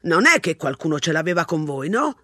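An audiobook reader voicing a wry, sardonic police sergeant who talks fast and jokes. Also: medium pitch, big pitch swings, sharp tone, no echo, clean studio sound. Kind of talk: audiobook character voice.

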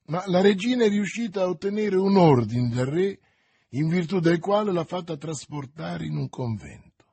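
A man's voice: high voice, expressive, moderate pace, creaky, warm tone, slightly rough, dry recording, pitched above the performer's own voice, full character voice. Milady, a man voicing a vengeful scheming noblewoman. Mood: vehement. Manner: insistent, vehement, raised intense delivery. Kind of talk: audiobook character reading.

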